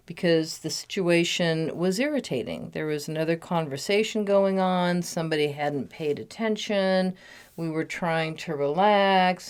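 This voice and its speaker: A woman, a meditation teacher, leading a guided mindfulness meditation over a phone call. She speaks gently and keeps talking steadily. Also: fairly low pitch, clean tone. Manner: gentle, talks a lot to cover background noise.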